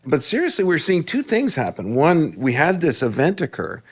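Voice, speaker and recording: A man speaking as a guest on a panel discussion, measured and explanatory. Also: on the high side, huge pitch swings. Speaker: panel guest, tech executive.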